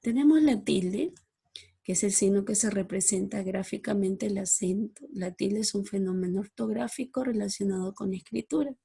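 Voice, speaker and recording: A woman giving a recorded slide-presentation lesson, reading out rules and examples in a measured, explanatory way. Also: mid-range voice, gravelly, mellow, slightly rough. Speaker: teacher.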